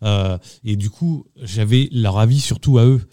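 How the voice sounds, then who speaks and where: A male musician speaks in a dark, mellow voice, close and dry in the studio. He answers slowly, searching for words with frequent fillers and restarts. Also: on the low side, no echo. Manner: hesitant, lots of fillers and restarts. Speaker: singer and musician guest. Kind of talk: casual radio interview.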